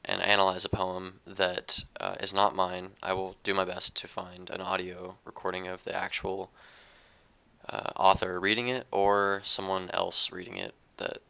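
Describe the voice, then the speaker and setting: Subdued, monotone young man, creaky low voice. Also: moderate pace. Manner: hesitant, with fillers and restarts. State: recovering from an illness. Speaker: poetry channel creator. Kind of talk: casual talk to camera, then poetry reading.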